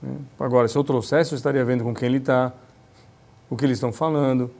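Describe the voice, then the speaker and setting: A man talking in a relaxed conversation, animated and acting out dialogue, often ending points with tag questions. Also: mid-range voice, fast, creaky. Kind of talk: casual conversation.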